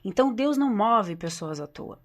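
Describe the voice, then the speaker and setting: Her voice medium-pitched and expressive at a normal speed, a Brazilian-accented doctor who runs a nutrition clinic tells her own story on a podcast. She sounds sincere and confiding, repeating phrases and frequently tacking "né?" onto her sentences.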